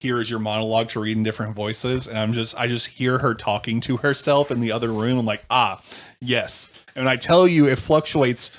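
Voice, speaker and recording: A man's voice: medium pitch, steady tone. A man hosting a podcast, chatting casually and laughing a lot. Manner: laughing, quick agreeing asides. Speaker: podcast host.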